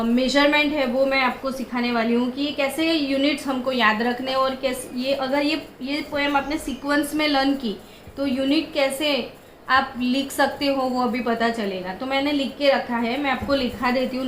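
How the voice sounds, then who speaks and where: A woman physics teacher with an Indian accent, giving a classroom lecture in slow, deliberate explanations and chanting memory rhymes in quick bursts. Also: high-pitched, reverberant, slight background noise, low-quality recording. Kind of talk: classroom lecture mixing Hindi and English.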